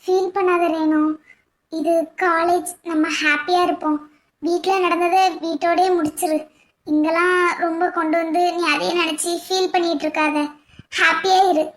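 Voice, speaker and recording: A woman voicing a caring young college friend in a cartoon, loud and insistent as she pushes her friend to talk. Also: very high voice, flat delivery, normal speed. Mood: comforting.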